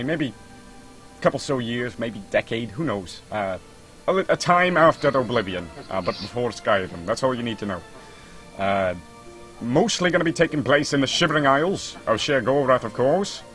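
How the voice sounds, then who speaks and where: A man's voice: medium pitch, fairly bright tone. A man running a tabletop game as game master, talking casually with many hesitant fillers.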